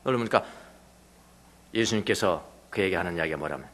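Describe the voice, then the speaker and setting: Lively, expressive Korean pastor preaching. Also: male voice, deep voice, a little fast. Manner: animated storytelling, dropping to quiet asides; laughs often while preaching. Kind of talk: sermon.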